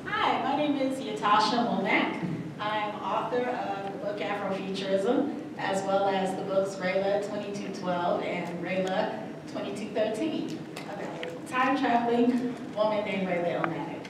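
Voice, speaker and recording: A woman author gives a brisk, upbeat introduction at a panel. She sounds far from the mic in a very echoey hall. Noise is clearly audible behind her. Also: mid-range voice.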